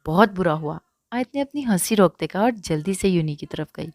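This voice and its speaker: A woman narrating a romance novel in a steady, even reading voice. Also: medium pitch, dry recording, clean studio sound. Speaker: audiobook narrator.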